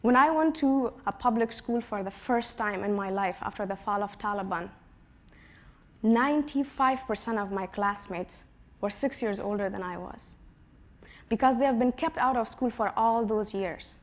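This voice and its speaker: At a conference, a woman in her twenties from Afghanistan shares a prepared personal story in an earnest way. Her mid-range voice keeps a normal speed and softens as it drops at phrase endings.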